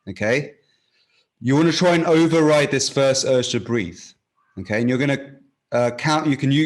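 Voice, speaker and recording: A man teaching breathwork, giving calm step-by-step instructions and often checking in with the listener. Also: mid-range voice.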